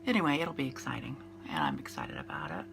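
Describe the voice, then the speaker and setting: Speaking fast with a rumbling low, creaky voice and huge swings in pitch, a beauty vlogger in her fifties talks her way through a makeup routine. A cold leaves her nasal and congested, and her chatty, rambling delivery is full of fillers and restarts, with noise behind her.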